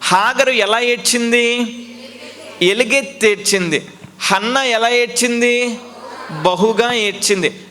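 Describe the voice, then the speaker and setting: A man's voice: very high-pitched, takes it slowly, long pauses, bright, forceful tone. A man preaching a sermon as pastor, emphatic and repetitive, full of rhetorical questions and call-and-response.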